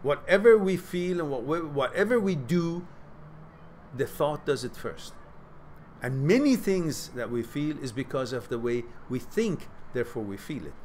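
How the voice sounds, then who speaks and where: A man's voice: on the high side, expressive, measured pace, a little mellow, a little hiss or hum. A middle-aged man hosting a live question-and-answer stream, giving reflective advice and reading out viewers' messages. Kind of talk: casual live advice talk.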